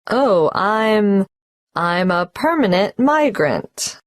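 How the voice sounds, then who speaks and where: A slow, careful migrant applicant. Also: female voice, mid-range voice, sing-song, no echo, clean studio sound. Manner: hesitant, careful, spells out details. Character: young adult woman migrant applying for a tax number. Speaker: applicant at the tax office. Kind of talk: scripted exam dialogue.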